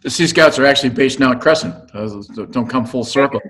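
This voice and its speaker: A man's voice: medium pitch, a little fast, fairly bright tone. A man hosting an interview, asking loose, rambling questions with frequent restarts. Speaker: host.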